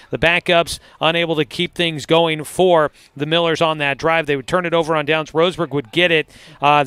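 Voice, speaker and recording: A man announcing high school football on the radio, recapping the game from the press box with frequent fillers. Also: pushed and bright, clean tone, no echo. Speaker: play-by-play announcer. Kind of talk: radio sports commentary.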